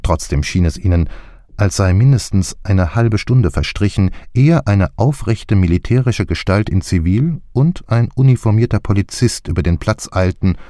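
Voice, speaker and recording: A man reading a detective novel aloud in even, measured narration. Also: lowish voice, no room sound, clean studio sound. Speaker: audiobook narrator. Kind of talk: scripted narration.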